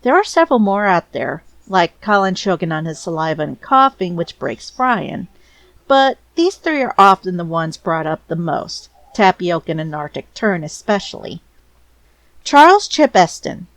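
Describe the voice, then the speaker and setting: A woman's voice: on the low side, sing-song, moderate pace, fairly bright tone, no echo. A woman narrating a scripted fan commentary with an enthusiastic, close-miked delivery.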